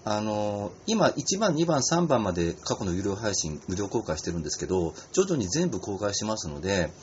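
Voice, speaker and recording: A man's voice: lowish voice, normal speed. A man hosting a casual radio talk, rambling through stories with lots of fillers and small stumbles. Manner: animated, rambling storyteller with frequent fillers and stumbles. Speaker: podcast host. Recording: slightly dull audio with faint ambient noise.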